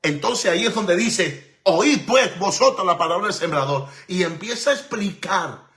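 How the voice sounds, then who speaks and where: A man preaching with a high, bright voice. He drives each point home with repeated phrases and rhetorical questions, folding Hebrew words into the sermon. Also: expressive, moderate pace.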